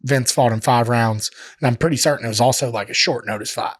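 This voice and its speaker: A man's voice: mid-range voice, quick pace, no echo. Profane, rambling male fighter, dry studio sound. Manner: profane, rambling storytelling, heavy filler words. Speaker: guest, professional fighter. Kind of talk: casual podcast interview. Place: podcast studio.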